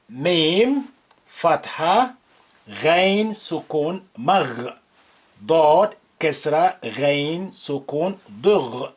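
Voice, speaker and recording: Lesson voice-over: an Arabic teacher, extremely slow, spelling out each letter and vowel, then the joined sound. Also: medium pitch. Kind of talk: slow syllable-by-syllable reading drill.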